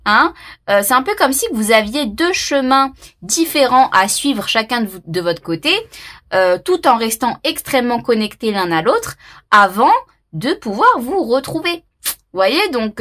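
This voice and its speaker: Woman tarot reader, casual to-camera talk, halting, full of fillers and self-laughs. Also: mid-range voice, a bit bright. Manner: hesitant, many fillers and repeats; laughs at herself.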